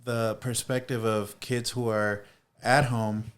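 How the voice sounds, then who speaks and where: A man's voice: medium pitch, flat delivery, slow pace, clean tone. A man who is a guest on a podcast, talking in a reflective but blunt way and swearing casually. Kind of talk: casual chat.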